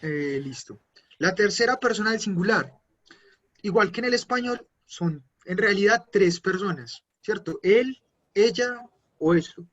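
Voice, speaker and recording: A man teaching an online language class, patiently repeating words slowly for his students. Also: sits high, lively intonation, fairly bright tone, highs cut off. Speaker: German teacher.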